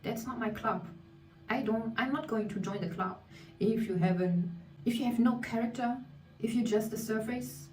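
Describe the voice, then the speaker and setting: Her voice is a little high and darkish, at a normal speed, as this beauty vlogger in her thirties candidly chats through her makeup routine. A non-native English speaker, she occasionally searches for words. She's recorded in an echoey room from a distance, with faint music.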